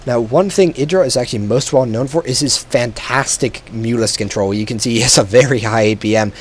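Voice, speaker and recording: A man commentating a strategy video game match alone, chatty and relaxed with frequent fillers, a bit tired. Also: medium pitch, fairly quick, husky.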